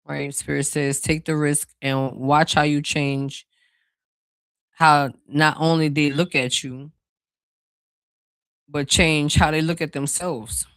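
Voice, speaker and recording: Gravelly, chatty intuitive card reader. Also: medium pitch, level tone, slow pace, long pauses, fairly bright tone, no echo. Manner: rambling and chatty, with many "you know" fillers; talks straight to viewers as "y'all". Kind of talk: casual spiritual card reading to viewers.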